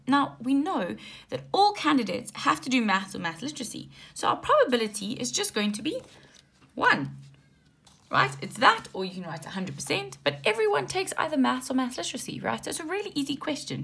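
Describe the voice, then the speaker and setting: A woman tutor talks through exam questions in an informal, instructive way. Her voice is husky and creaky, with a slight lisp, and her pitch moves in a lively way. She often adds short check-in tags as she goes step by step. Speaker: maths tutor.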